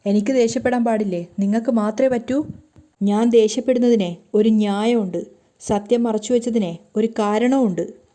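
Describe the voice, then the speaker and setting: A woman voicing a hurt young wife who loudly reproaches and pleads with her hot-tempered husband. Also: on the high side, fairly even intonation, moderate pace, lightly acted. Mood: indignant.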